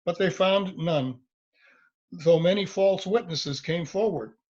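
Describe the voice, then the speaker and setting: Husky, higher-pitched man narrating scripture. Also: slow, darkish tone, highs cut off. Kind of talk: church scripture reading.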